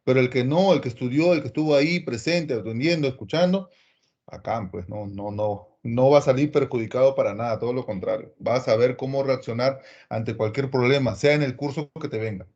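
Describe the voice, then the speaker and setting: A man teaching trigonometry to a class in a lively way, often acting out what his students might say and calling them by name. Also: medium pitch, brisk, lo-fi sound. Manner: lively, acts out imagined student replies; addresses students by name, coaxing. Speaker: math teacher.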